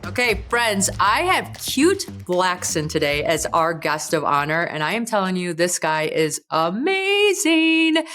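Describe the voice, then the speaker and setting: A woman's voice: fairly low pitch, sing-song, unhurried, few pauses, fairly bright tone, faint music behind. A woman hosting a podcast interview, upbeat and enthusiastic in casual chat. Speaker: podcast host.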